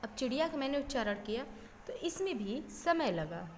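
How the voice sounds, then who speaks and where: A woman's voice: high voice, very animated, normal speed, darkish tone. A woman teaching young children a Hindi lesson, repeating each phrase and spelling words out letter by letter, dropping in English words like "okay". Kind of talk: slow primary-school Hindi lesson. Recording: reverberant room with faint background noise.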